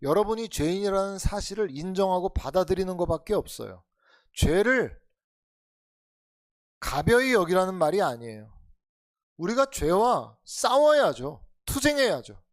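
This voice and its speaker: A man's voice: high-pitched, big pitch swings, moderate pace, no echo. A male pastor preaching an expository sermon in earnest, urging tones, full of rhetorical questions. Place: church sanctuary.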